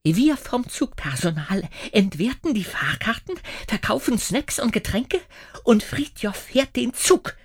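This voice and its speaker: Guy doing a high shrill lady conductor, weepy and huffy, gravelly edge. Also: big pitch swings, measured pace, full character voice. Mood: indignant. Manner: sobbing then snapping indignantly. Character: tearful, indignant middle-aged woman train conductor.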